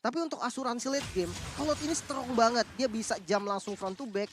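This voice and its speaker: Fast man analysing a game, noisy background. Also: very high voice. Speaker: esports analyst caster. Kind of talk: analytical game commentary in casual slang. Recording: clear background noise with clicks.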